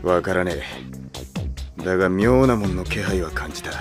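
A man voicing a short-tempered, secretly jumpy young anime policeman with rough, curt delinquent-style speech. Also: deep voice, animated, moderate pace. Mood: gruff. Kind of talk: anime comedy acting. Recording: background music under the dialogue.

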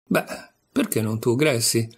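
A man voicing a gentle, kindly middle-aged restaurant owner and chef in a storybook reading. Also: mid-range voice, expressive, unhurried, slightly rough. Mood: coaxing.

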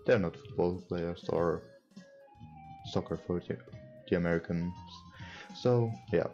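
A young adult man whose first language is not English reads game text aloud and comments casually as a let's player, sitting at a computer in a small indoor room. His voice is low and a little mellow, at a measured pace. The recording is muffled, with visual novel background music.

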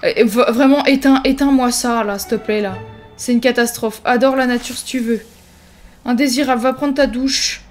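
A young woman giving excitable let's-play commentary on a life-simulation game, teasing her characters and erupting into mock-dramatic panic. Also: fairly high pitch, moderate pace, faint music behind. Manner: animated, exclamatory, mock-dramatic; teasing, self-mocking asides. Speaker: gaming video host.

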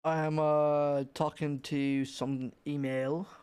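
A man's voice: on the high side, flat delivery, slow, darkish tone, clear, resonant tone, dry recording. A man streaming and chatting with viewers in a loose, mumbling way, heard through a livestream headset mic. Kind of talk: casual chat with viewers.

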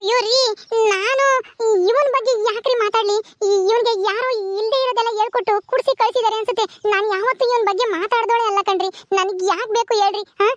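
A young village wife under accusation, played by a woman, pleading and protesting in a high, hurried voice. She insists again and again that she said nothing. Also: steady tone.

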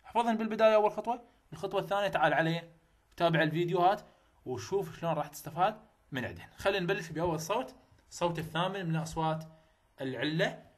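A young man with an Iraqi Arabic accent teaching a recorded lesson on English vowel sounds. He talks in a chatty way and says each example word slowly, several times over. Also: a little high. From Iraq.

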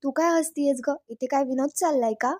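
A woman reading the lines of a stubborn, irritable elderly grandmother in a scolding manner, in a high voice. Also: brisk, darkish tone, no room sound, studio quality, natural voice.

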